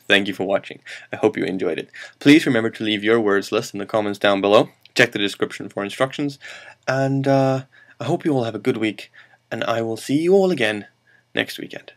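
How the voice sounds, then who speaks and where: A man's voice: fairly low pitch, fairly quick. A man hosting a show and telling an improvised comic story, rambling, correcting himself and making playful asides.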